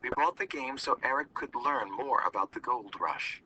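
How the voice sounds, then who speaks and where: A man reading aloud in a classroom story lesson, voicing a calm, caring mother who explains things. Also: medium pitch, normal speed, distant mic, a little hiss or hum, low-quality recording.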